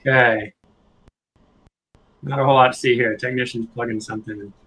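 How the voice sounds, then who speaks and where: A man's voice: mid-range voice, fairly even intonation, fairly quick, pushed and bright. A man giving casual, think-aloud live commentary as a host going through video clips. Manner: thinking aloud, informal narration. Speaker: video host reviewing footage.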